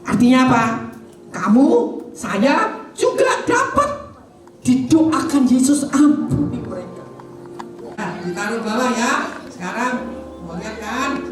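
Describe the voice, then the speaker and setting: A woman telling a Bible story to children at a Sunday school, lively and full of questions. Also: sits high, unhurried, pauses often. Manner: lively, asks the children questions, acts out voices. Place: large echoing church hall. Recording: echoey hall from far off with music.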